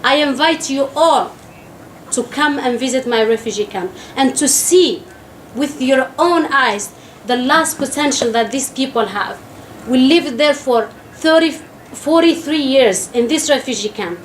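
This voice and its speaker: Earnest halting woman in an echoey room. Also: high-pitched, lively intonation. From Sahrawi refugee camps in Algeria. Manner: earnest, halting with frequent pauses. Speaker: activist. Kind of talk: public statement. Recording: echoey room with faint noise.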